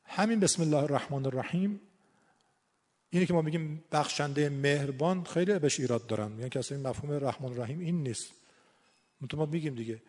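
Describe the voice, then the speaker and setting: A man with a fairly high-pitched voice talks in an earnest, explanatory way, weaving recited Arabic verses into his points. His voice carries a long reverb tail, as if he is speaking in a large hall. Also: darkish tone. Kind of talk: conversational explanatory talk.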